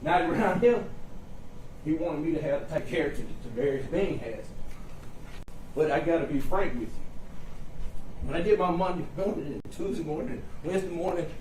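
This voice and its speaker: High-pitched male lawyer pleading in echoey room. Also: darkish tone. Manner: folksy, emphatic, short repeated phrases. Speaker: defense attorney. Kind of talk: impassioned courtroom closing argument to a jury. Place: courtroom, recorded from a distance. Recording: roomy echo, distant mic, faint noise.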